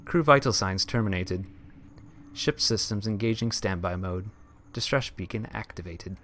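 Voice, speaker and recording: A game streamer putting on a robot voice to play a flat, clipped automated ship computer. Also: male voice, on the low side, normal speed, slight background noise. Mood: mechanical. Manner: flat, clipped, mechanical delivery. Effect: robot voice, done with the mouth.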